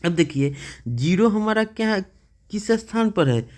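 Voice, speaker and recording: A man's voice: high-pitched, big pitch swings, moderate pace, a little mellow. A man teaching a math lesson, patiently asking questions and checking in with "okay" often.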